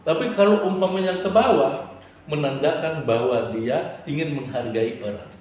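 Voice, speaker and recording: A man preacher giving a religious study lecture, playful and lively, sometimes acting out quarrelsome vendors. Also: fairly high pitch, normal speed, slight background noise. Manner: lively rising and falling intonation. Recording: very echoey hall.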